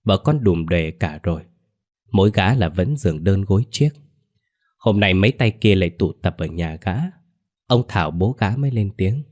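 A man narrating a ghost story in a measured, somber storytelling manner. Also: low-pitched, lively intonation, darkish tone. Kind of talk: scripted narration.

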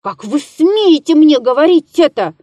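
Offended middle-aged man, indignant, bitter, slow, as a woman reads him. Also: medium pitch, animated, darkish tone, no echo, close to an everyday voice. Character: offended, self-pitying middle-aged male landlord.

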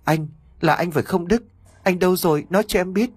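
A desperate young wife calls out in a lifted, pleading voice, as a man reading the story puts her on. The sound is husky and dry. She pushes each line with urgency. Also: high voice, fairly quick, no echo, pitched above the performer's own voice.

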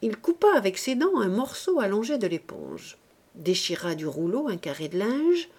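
A woman narrating a classic novel in a measured, expressive reading style. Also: mid-range voice, husky. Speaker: audiobook narrator. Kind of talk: scripted literary narration.

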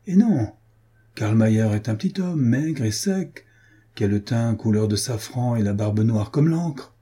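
A man voicing a brutal mercenary captain in an audiobook, talking in a gruff, barking way. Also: medium pitch, lively intonation, unhurried, mellow. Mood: scornful.

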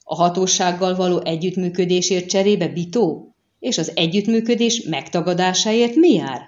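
A woman reading an audiobook and voicing a reserved male monster hunter who speaks calmly and dryly. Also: fairly low pitch, dull audio, close to an everyday voice. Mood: cold. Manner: calm, dry, questioning.

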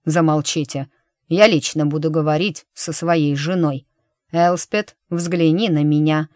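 Woman reading a stern, curt storybook king, low steady voice, dry close sound. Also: unhurried, no room sound. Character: stern middle-aged king, gruff and commanding.

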